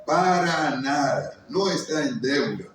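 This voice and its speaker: Man, fifties, preacher, slightly high voice, heavy hall echo, sounds a little off-mic. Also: animated, a bit bright, distant mic. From Colombia. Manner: earnest, pleading, with slow emphatic pauses. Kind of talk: sermon. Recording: very echoey hall, voice off-mic, faint noise.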